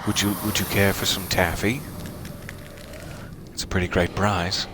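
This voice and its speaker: A man's voice: sits low, level tone, a little slow. A man streaming a game with wry, playful commentary in a droll, mock-polite way. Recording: clear game ambience noise behind.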